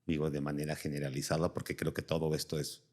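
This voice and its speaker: A man's voice: very deep voice, completely flat delivery, fast talker, a little mellow. A man hosting a podcast, asking long, meandering questions and nodding along with "ujú". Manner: rambling questions with many back-channel "ujú" and "ok". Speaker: podcast host. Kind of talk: interviewing, casual chat.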